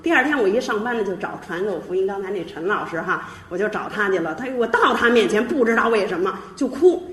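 Fast-talking lady sharing her testimony, laughy, roomy echo. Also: medium pitch. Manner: lively storytelling, chuckling often. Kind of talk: personal testimony in an interview.

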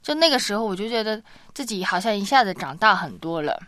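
A woman co-host chats easily on a faith radio program and slips into personal stories as she talks. Her voice sits at a middle pitch and comes across close and dry, with no room sound around it. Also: lively intonation, quick pace, pushed and bright, no room sound. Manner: chatty, sharing personal stories. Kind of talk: casual faith radio chat.

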